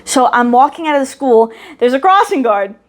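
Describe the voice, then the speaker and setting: A woman's voice: high-pitched, animated, a little fast. A young woman co-hosting a podcast, telling a childhood story casually and acting out the voices in quotes, often laughing. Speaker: podcast co-host.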